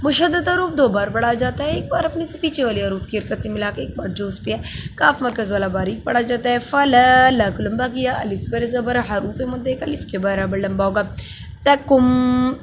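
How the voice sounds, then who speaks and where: A woman teaching tajweed, who first recites verses slowly and melodiously and then explains the pronunciation of each letter in a soft, steady voice. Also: on the high side, noisy background.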